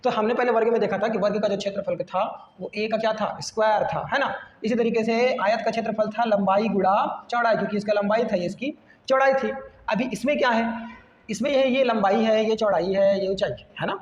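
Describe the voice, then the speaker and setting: A man's voice: high voice, brisk, dull audio, a little hiss or hum. A man teaching a math lesson, often putting a question to the class and then answering it himself. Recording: echoey room with long reverb.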